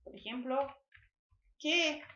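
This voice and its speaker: A woman's voice: high voice, slow, bright, forceful tone. A woman who is a native Spanish speaker, teaching an online lesson in a patient, explanatory way and often checking in with her students. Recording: echoey room, slightly dull sound.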